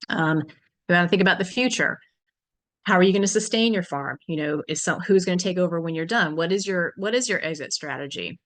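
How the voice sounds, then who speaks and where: Teaching a conversational farm business lesson, the workshop instructor speaks frankly and chattily, often using fillers and starting over. Her voice sits on the low side and moves briskly.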